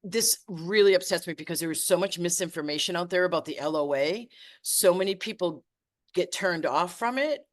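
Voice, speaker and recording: A woman's voice: fairly low pitch, moderate pace. A woman teaching energy medicine as a podcast guest, talking passionately and emphatically, stumbling over her words when she gets worked up. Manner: passionate, emphatic, exaggerating for effect. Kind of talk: podcast interview.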